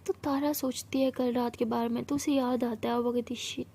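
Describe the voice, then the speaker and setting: A woman's voice: a little high, flat delivery, normal speed, warm tone. A woman narrating a love story in a casual, conversational way.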